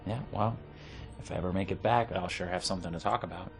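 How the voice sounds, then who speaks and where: A man's voice: sits low, fast, creaky, faint music behind. An actor playing a socially awkward young male student with an American accent in a video game. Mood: hesitant. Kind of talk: naturalistic game acting.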